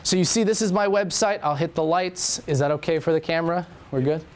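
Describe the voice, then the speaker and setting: A man's voice: fairly high pitch, fairly quick, slight background noise. A young man teaching an anatomy and physiology lab review in a classroom, talking casually and repeating key points.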